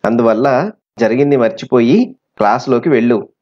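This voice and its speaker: A man voicing a timid middle-aged schoolteacher who talks in a hurried, placating way. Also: medium pitch, lively intonation, close to an everyday voice. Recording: slightly muffled recording.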